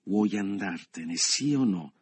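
A man reading an audiobook, voicing a brutal middle-aged man who barely holds back his fury and talks loudly and scornfully. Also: deep voice, animated, fairly quick, husky. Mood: furious. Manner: forceful, loud, scornful. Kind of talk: audiobook character voice.

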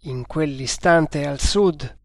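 Slow, measured male audiobook narrator. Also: fairly high pitch, heavy background noise. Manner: measured, deliberate storytelling. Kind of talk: scripted narration of an adventure novel.

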